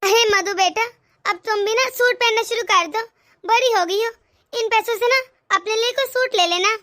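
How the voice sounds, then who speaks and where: A woman's voice: extremely high pitch, moderate pace, sharp tone. A woman voicing a stingy, scolding middle-aged aunt in a cartoon, lecturing and taunting. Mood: sweet. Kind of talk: animated cartoon voice acting.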